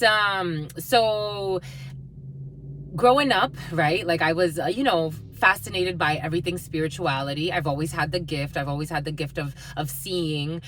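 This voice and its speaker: Deep-voiced and a bit bright, a northeastern American tarot and energy reader gives a casual live reading, rambling with many fillers and talking fondly to viewers. A little hiss or hum runs under the recording.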